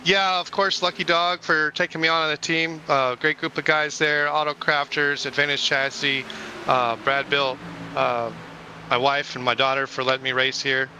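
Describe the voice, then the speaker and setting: A man who drives in an online racing league, answering post-race questions in a relaxed, halting way with many uhs. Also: fairly high pitch, slight background noise, poor audio.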